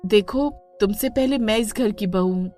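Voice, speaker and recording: A woman voicing an arrogant, spoiled young wife in an animated story, ordering others about haughtily. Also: medium pitch, normal speed, soft background music, natural voice. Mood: haughty. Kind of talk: storybook voice acting.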